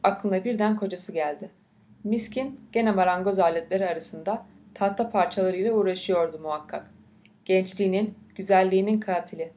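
A woman narrating an audiobook of a novel, with a measured, unhurried reading. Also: mid-range voice, mellow, a little hiss or hum.

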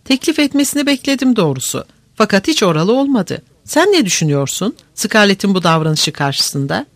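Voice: mid-range voice, big pitch swings, moderate pace, dry recording. A reader voicing an eager young man, one of twin suitors, asking puzzled questions in a storybook reading.

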